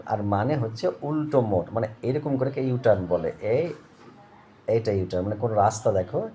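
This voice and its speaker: A man's voice: mid-range voice, mellow, a little hiss or hum. A man teaching English grammar to students, spelling out words and often checking "okay?". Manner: slow, repeats and spells out words, asks "okay?". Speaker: English tutor.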